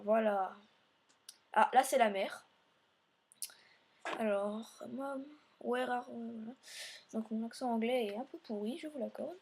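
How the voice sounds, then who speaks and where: A woman's voice: a little high, a little mellow, slightly rough. Meandering woman narrating her gameplay. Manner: meandering, filler-heavy narration while playing; speaks directly to viewers. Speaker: let's play host. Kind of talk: let's play commentary.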